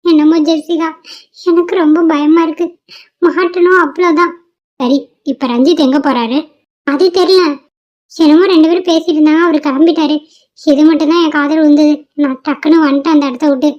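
A woman's voice: high voice, fairly even intonation, a little fast, darkish tone, natural voice. A woman voicing a timid, frightened young office worker in a cartoon, talking anxiously. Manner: anxious, fearful. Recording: dull lo-fi cartoon audio.

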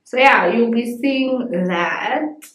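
Relaxed young woman vlogging slowly. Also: on the high side. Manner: relaxed, explaining step by step. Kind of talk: casual vlog talk. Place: small home bedroom, indoors. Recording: roomy indoor sound. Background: music playing behind.

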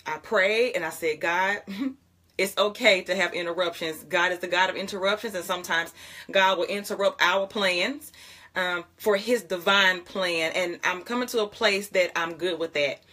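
On a morning livestream from a closet in her home, a young woman pastor from Jackson, Mississippi, prays and talks casually with viewers, often laughing and calling them y'all. Her voice is lowish, pushed, and bright, at a normal speed.

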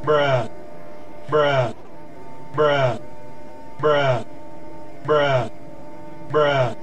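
A man giving a flat, drawn-out one-word groan, as a single short clip spliced in and repeated over and over. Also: medium pitch, roomy sound, highs cut off, loud music behind the voice.

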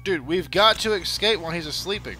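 A man's voice: fairly high pitch, lively intonation, fairly quick, sharp tone. A man in his thirties giving casual commentary as he plays a game, recorded on a headset. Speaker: gaming video host. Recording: game music and sound behind.

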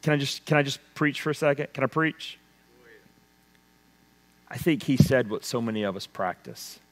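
A man preaching a sermon, swinging between loud emphasis and hushed intensity. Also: medium pitch, moderate pace. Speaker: pastor. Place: church sanctuary. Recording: long church reverb.

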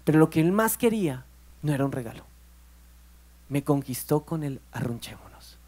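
A man's voice: a little high, moderate pace. A man, preaching a sermon as pastor and telling stories with acted-out dialogue. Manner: animated storytelling, acts out dialogue.

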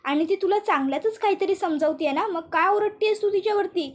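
A woman's voice: very high voice, fairly quick, pitched above the performer's own voice. A woman voicing a protective elder sister who reproaches a younger one, in a serial recap. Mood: reproachful.

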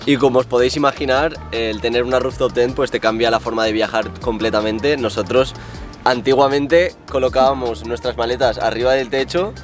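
A man, chatting to camera as a travel vlogger at an outdoor campsite, relaxed and enthusiastic. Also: mid-range voice, brisk, soft background music. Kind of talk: casual chat to camera. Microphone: on-camera mic, handheld or tripod framing.

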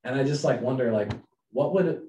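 Male webinar presenter, earnest and animated, recorded from a distance in an echoey room. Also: medium pitch, moderate pace, a little hiss or hum. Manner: animated, acts out quotes in raised voice. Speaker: webinar presenter, company founder. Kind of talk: leadership webinar talk.

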